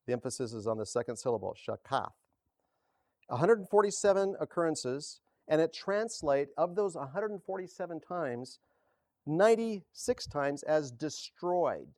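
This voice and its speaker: Pastor, male, casual halting sermon delivery, unhurried, dry close sound. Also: on the high side, darkish tone, dry recording. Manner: halting, self-correcting, chuckles often.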